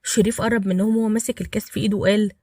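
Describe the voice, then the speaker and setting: A woman with an Egyptian accent narrating a romance story in a brisk, even scripted read. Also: mid-range voice, slightly rough, no echo, studio quality. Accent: Egyptian Arabic.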